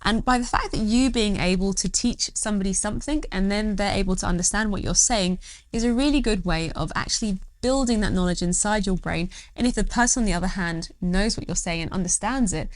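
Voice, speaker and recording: A woman's voice: mid-range voice, brisk, no echo. A young woman doctor giving study tips to camera, upbeat and encouraging. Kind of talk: educational talk to camera.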